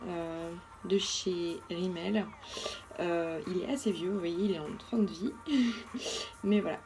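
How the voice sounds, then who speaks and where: A woman's voice: medium pitch, darkish tone. A woman giving a casual makeup tutorial as a beauty vlogger, chatty and thinking aloud with lots of fillers.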